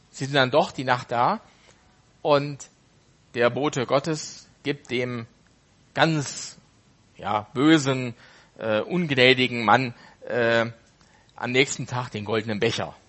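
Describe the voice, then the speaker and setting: A man's voice: mid-range voice, takes it slowly, long pauses, a bit bright. A man casually retelling a parable off the cuff, correcting himself as he goes. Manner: unscripted, with fillers and self-corrections.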